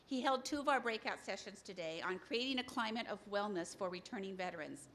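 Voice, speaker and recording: A woman's voice: mid-range voice, lively intonation, fairly quick, a bit bright, a little hiss or hum. A woman hosting an event, formally introducing the next speaker. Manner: polite and formal. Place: conference hall.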